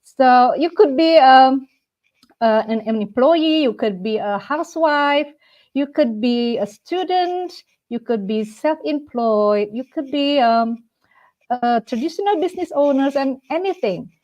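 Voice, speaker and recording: A woman in her forties, originally from Indonesia, hosts a live-streamed talk show in a fairly high voice. She talks with frequent hesitant fillers and restarts, and the stream audio sounds dull and lo-fi. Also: lively intonation, unhurried, darkish tone. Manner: hesitant, many fillers, speaks as a second-language speaker. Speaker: host of live talk program.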